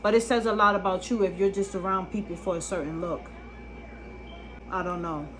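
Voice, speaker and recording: A woman's voice: mid-range voice, fairly even intonation, brisk, noisy background. A woman vlogging a casual monologue to camera, blunt and emphatic, often asking if you understand. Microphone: phone camera.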